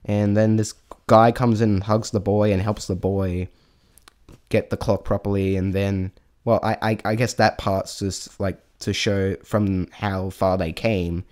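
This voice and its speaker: Speaking at a measured pace with flat delivery, this man has a slightly mellow voice on the low side. He's an amateur reviewer giving an off-the-cuff review, rambling, hesitating, stammering and often breaking off mid-thought.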